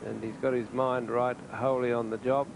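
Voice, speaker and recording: A man's voice: medium pitch, level tone, normal speed, vocal fry. A man giving conversational television commentary on golf. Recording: noisy outdoor 1980s TV broadcast.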